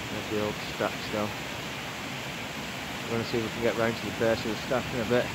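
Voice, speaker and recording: Walking through winter woodland dotted with derelict buildings, an exploring vlogger gives casual, hesitant commentary, thinking aloud into his handheld phone. He talks fast in a lowish voice with a flat delivery, and wind and outdoor noise come through on the phone mic.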